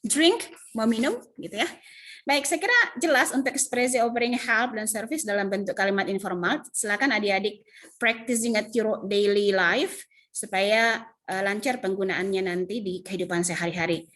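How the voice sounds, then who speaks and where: A woman's voice: mid-range voice, normal speed, fairly bright tone. A woman from Indonesia teaching an English lesson over a video call, with an Indonesian accent, patiently repeating English phrases and explaining them. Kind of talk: online class lesson. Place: home.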